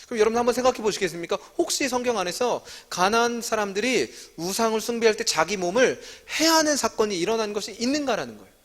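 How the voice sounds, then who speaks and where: A man's voice: sits high, animated, fast talker, hardly any pauses, fairly bright tone. Korean man teaching in a reverberant church hall. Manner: asks the audience many questions and answers them himself. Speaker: staff teacher leading a Bible study. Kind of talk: interactive sermon teaching.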